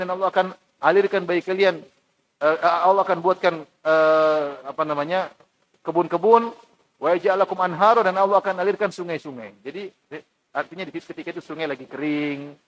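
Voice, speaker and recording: Animated high-voiced male preacher. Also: poor audio. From Indonesia. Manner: animated, acts out mocking townsfolk in lively asides. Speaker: preacher giving a Quran commentary lesson. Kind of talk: mosque study sermon. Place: mosque.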